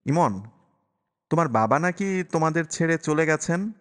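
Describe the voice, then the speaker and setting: A man voicing a polite young female schoolteacher who asks gently probing questions. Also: on the high side, animated, moderate pace, clean tone, pitched above the performer's own voice. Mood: curious. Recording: long reverberant echo.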